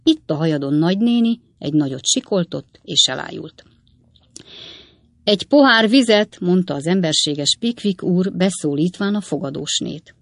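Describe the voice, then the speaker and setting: Measured audiobook narrator, dry sound. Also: mid-range voice, no echo. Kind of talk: scripted narration of a classic novel.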